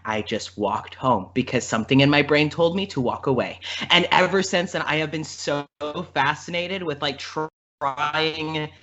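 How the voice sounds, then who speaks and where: A Midwestern American man, a podcast guest who creates audio dramas, tells casual stories in an earnest, emphatic way, often repeating phrases. His voice is on the high side, unhurried and fairly bright. The audio is dull and lo-fi.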